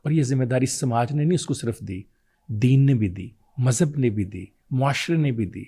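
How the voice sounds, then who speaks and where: A man's voice: medium pitch, dark tone, slightly rough. Male guest, Pakistani Urdu accent, fervent orator who builds long runs of rhetorical questions. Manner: rhetorical questions, impassioned and preaching. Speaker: guest speaker. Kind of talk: emotional oratory on fathers.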